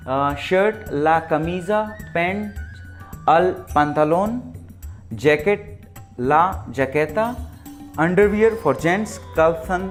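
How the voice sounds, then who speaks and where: A Spanish teacher with a fairly high voice drills vocabulary slowly in a beginner language lesson at a whiteboard. He repeats foreign words in a drawn-out way and spells them letter by letter.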